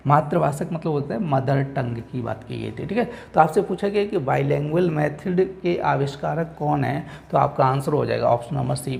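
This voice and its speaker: Gravelly guy teacher going over exam questions, keeps repeating answers. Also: mid-range voice, a little mellow. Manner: repeats answers with "ठीक है", reads questions slowly. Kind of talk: exam-prep lesson. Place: coaching classroom.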